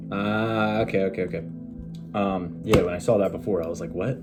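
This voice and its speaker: A man's voice: low voice, fairly even intonation, brisk. Chatty man reading tarot with music behind. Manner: chatty, swears when frustrated, muttering asides. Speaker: tarot reader. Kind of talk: casual tarot reading to camera. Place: his bedroom at a desk. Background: music playing on a TV.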